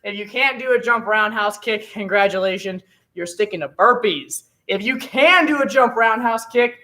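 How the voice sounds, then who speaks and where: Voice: medium pitch, normal speed, bright, forceful tone, distant mic, low-quality recording. A martial arts instructor coaching an online class, upbeat and encouraging, calling out drills and counting down.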